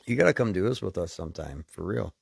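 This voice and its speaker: Man, podcast co-host, gravelly voice, lively pitch, slow talk. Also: no echo, studio quality. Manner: joking, halting, animated. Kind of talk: casual couple banter.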